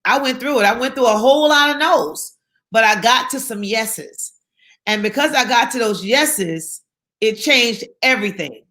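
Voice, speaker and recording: Giving a motivational interview, a South Carolina woman speaks emphatically and encouragingly as a guest, driving home her key phrases by repeating them. Her voice is on the high side, animated and sharp-toned, at a moderate pace.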